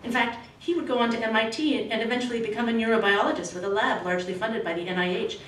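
At a podium in a small indoor room with a red curtain, a woman novelist reads carefully and expressively, later stumbling and self-correcting through a casual Q&A. Her voice is on the high side; she grew up in Australia, Canada and the States. A far camera picks up the podium mic, leaving her distant in a roomy hall with faint hiss.

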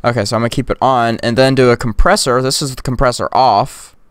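A young man talks through a casual software tutorial in a smooth, clean voice. He rambles with plenty of fillers and restarts. He sits close to a condenser mic in a dry, dead room. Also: mid-range voice, fairly even intonation, fast talker, no room sound. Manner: rambling, filler-heavy, drops to whispers and yells in demos. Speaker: tech tutorial creator. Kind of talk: casual screen-recorded tutorial. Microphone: close USB condenser mic.

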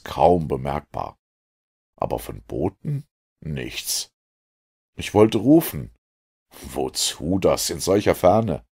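A man narrating an adventure audiobook in a dramatic, expressive way. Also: sits low, slightly rough.

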